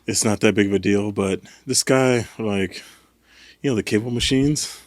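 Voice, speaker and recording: Man, podcast host, lowish voice, animated storytelling, dry close mic. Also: moderate pace, no echo. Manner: animated storytelling, acts out quotes. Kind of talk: casual chat.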